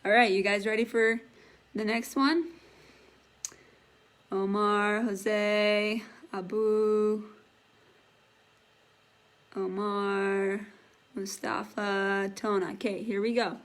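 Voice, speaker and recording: A woman's voice: mid-range voice, flat delivery, extremely slow, long pauses. A woman teaching a live online English class, patiently explaining words and encouraging her students. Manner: patient, encouraging, imitates sound effects.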